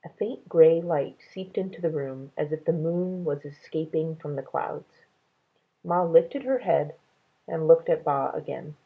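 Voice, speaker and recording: In a low, gravelly, creaky voice, a woman storyteller reads a children's novel aloud. She goes slowly and deliberately, and the recording has a thin, tinny, narrow-band quality.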